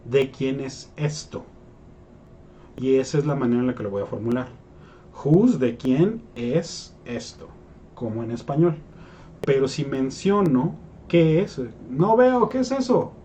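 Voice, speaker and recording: A man's voice: medium pitch, unhurried, pauses often, warm tone, a little hiss or hum. A young man giving a casual, joking English lesson. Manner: playful, jokes and acts out quoted voices. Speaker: English teacher.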